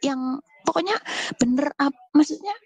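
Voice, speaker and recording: This is a woman taking her turn to speak in a group session, searching for her words and filling pauses with long hesitation sounds. Her voice is somewhat high for a woman. The sound is dry and close, with no room around it. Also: creaky, a little mellow, dry recording. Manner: hesitant, many drawn-out fillers. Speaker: participant asking a question. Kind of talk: spontaneous talk in an online group session.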